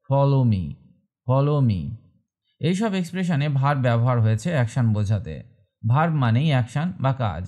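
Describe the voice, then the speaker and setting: A man teaching English, reading short phrases slowly and repeating each one twice. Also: mid-range voice, darkish tone. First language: Bengali. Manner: slow, deliberate drilling of short phrases.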